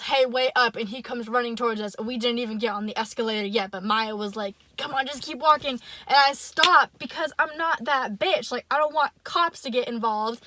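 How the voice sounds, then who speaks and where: Bright-voiced young woman telling a story. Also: on the high side, a little hiss or hum. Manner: chatty, filler-heavy, swears freely, addresses viewers directly. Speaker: vlogger. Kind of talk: casual storytime chat.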